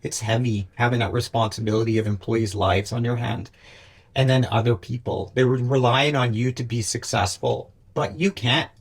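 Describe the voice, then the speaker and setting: A man's voice: medium pitch, fairly even intonation, normal speed, slightly rough. A man hosting a casual conversational interview, speaking informally and encouragingly. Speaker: podcast host.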